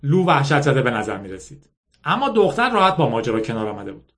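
A man's voice: mid-range voice, sing-song. A man from Iran telling personal stories and reading aloud in a frank, conversational way. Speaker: storyteller.

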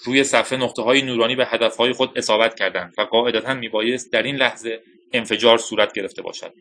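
A man narrating a thriller audiobook with even, dramatic storytelling. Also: mid-range voice. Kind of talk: scripted narration.

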